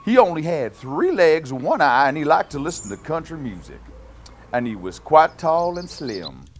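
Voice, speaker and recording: Playing a jolly Canadian lumberjack on a small cabin-style indoor set, a middle-aged man reads a picture book to children with playful, exaggerated sing-song rhythms and chuckly asides. His slightly high voice swings widely in pitch at a moderate pace.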